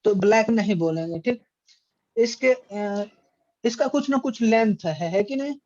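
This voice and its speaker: A man's voice: sits high, a little slow, dark tone. A man teaching an online physics class, asking the students questions and answering them himself. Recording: dry, dull lo-fi audio.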